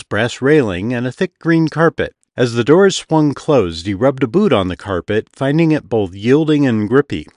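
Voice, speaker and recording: A man narrating an audiobook in a measured storytelling way. His mid-pitched voice moves with animated rises and falls. The sound is dry and close to the mic. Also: dry recording.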